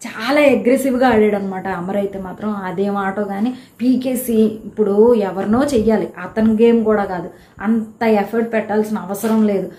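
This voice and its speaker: A woman's voice: medium pitch, moderate pace. Chatty woman recapping a show, echoey room. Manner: chatty, animated retelling of quarrels. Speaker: show reviewer. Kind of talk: casual episode recap.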